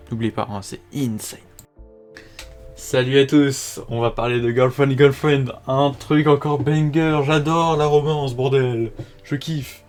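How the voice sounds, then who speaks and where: A young man talks through his anime picks in loose, slangy speech, full of filler words and the odd curse, dropping into a flatter reading voice for the plot summaries. His pitch sits in an ordinary middle range. Soft music plays quietly underneath. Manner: informal and slangy, many fillers, occasional swearing; reads synopses aloud in a flatter voice. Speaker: anime reviewer. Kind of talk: casual video commentary.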